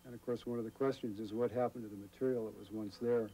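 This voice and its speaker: Middle-aged man explaining outdoors, dark voice. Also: fairly low pitch, fairly even intonation, fast, a little hiss or hum, low-quality recording. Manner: unscripted, explains with gestures, some restarts. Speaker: scientist explaining geology and diving. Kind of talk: casual on-camera explanation. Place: outdoors by a rocky cliff.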